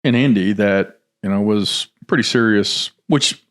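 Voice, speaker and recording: A man's voice: lowish voice, measured pace, fairly bright tone. A middle-aged man from Tennessee, a guest on a podcast, telling rambling stories about his past work with many restarts and fillers. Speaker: guest, former football general manager. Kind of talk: casual storytelling interview.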